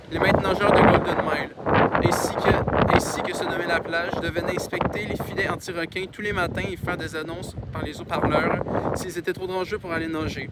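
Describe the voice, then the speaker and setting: A man's voice: fairly high pitch, heavy background noise. A man reading a novel aloud outdoors in casual style, stumbling over words and breaking off into sarcastic, swearing asides. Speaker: audiobook reader. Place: outdoors in the wind.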